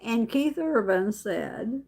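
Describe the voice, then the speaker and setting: With a little high, a little mellow voice and lively intonation, a middle-aged woman tells a story at a slow pace. She is a vlogger on her own home live stream, facing a camera, rambling and chatty, laughing often and starting sentences over.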